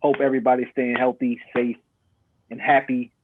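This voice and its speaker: A man's voice: medium pitch, little pitch movement, moderate pace, background noise. A man talking as a guest on a casual basketball podcast, laid-back and friendly. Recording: tinny phone-line audio.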